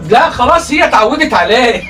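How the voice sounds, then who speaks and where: Egyptian guy, really high voice, fast mocking commentary, keeps laughing, bit far from the mic. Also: animated, very noisy. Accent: Egyptian Arabic. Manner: teasing, laughing often, exclaiming. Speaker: comedic reaction host. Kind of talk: mocking reaction commentary on a livestream.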